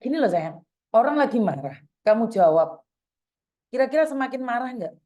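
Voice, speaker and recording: Brief: woman host, stern and lecturing, slightly higher voice. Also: very animated, moderate pace, lo-fi sound. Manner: firm, scolding, calls caller "dear". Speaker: advice host. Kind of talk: advice phone call.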